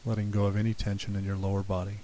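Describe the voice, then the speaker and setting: Low, mellow man guiding relaxation. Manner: calm, soothing, unhurried. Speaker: guided relaxation instructor. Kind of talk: guided relaxation narration. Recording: steady hiss behind the voice.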